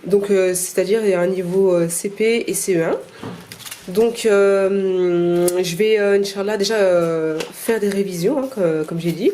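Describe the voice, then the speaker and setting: Woman, mother, home lesson, patient, gentle, halting, mid-pitched. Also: steady tone, slight background noise. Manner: patient, gentle teaching, slow explanations; hesitant, halting speech to camera. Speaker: mother homeschooling her children. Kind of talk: casual home-schooling vlog and lesson.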